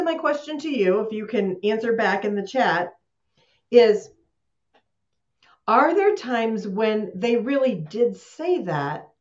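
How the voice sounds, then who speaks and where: This woman hosts a live online session, chatting loosely, laughing a lot, and often starting sentences over. Her voice is medium in pitch and slightly dark. It comes through a computer mic on a video call, so the audio sounds roomy and dull.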